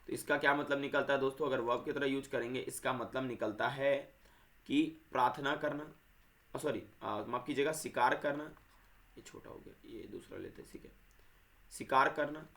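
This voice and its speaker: A man's voice: mid-range voice, fairly bright tone. Man teaching grammar, repetitive. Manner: repetitive, addresses viewers as friends; corrects himself mid-sentence. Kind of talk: explaining grammar to viewers.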